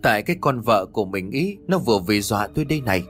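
A man voicing a sharp-tongued village woman who is frightened, speaking in a shrill, pleading way. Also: lively intonation, fast talker, soft background music. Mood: snappish.

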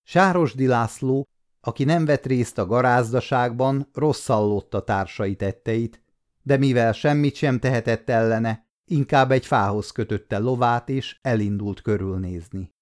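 A man in his fifties reading a novel aloud as an audiobook narrator, calm and measured. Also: mid-range voice. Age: 50s. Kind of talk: scripted narration.

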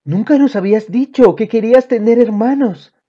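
A woman reading a children's book aloud in an expressive storytelling manner. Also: a little high, normal speed. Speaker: reader. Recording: dull lo-fi audio.

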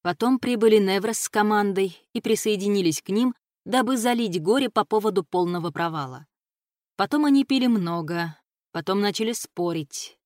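A woman narrating a fantasy audiobook with a steady, expressive reading. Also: medium pitch, normal speed, no echo, studio quality. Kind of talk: scripted narration of a fantasy novel.

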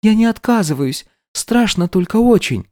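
A man voicing a frightened, timid young woman who pleads in a high, trembling falsetto. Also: expressive, moderate pace, a little mellow, no echo, clean studio sound. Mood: fearful.

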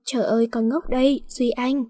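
A woman voicing a sly older brother who gives an insistent warning, in a read-aloud story, with a husky voice. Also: a little high, steady tone, a little fast, mellow, big-room sound, natural voice. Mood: teasing.

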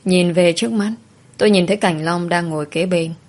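A woman narrating a first-person audio story in a soft, sorrowful storytelling manner. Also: on the low side, fairly even intonation, brisk.

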